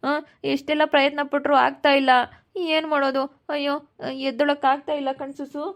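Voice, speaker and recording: A woman's voice: high voice, monotone, a little fast, natural voice. A woman voicing a fallen man who whines that he cannot get up, with a Hiriyur Kannada accent. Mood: whining. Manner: whiny, pleading, sly teasing. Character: Sundara, a fallen man playing helpless.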